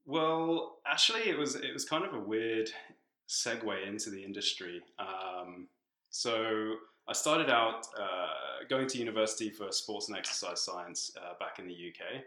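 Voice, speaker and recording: A young man born in England and raised in Tanzania chats as a podcast guest and strength coach about training, his British accent shaped by life abroad. He is relaxed and chatty, full of fillers and laughing between phrases. His voice is fairly low and measured, in a reverberant space.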